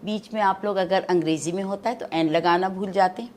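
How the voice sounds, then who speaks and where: A woman with a Pakistani Urdu accent takes on a stern, imperious mother-in-law manner, scolding and lecturing her interviewer. Her voice sits at an ordinary middle pitch. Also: a little hiss or hum. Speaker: guest actress. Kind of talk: comic in-character interview.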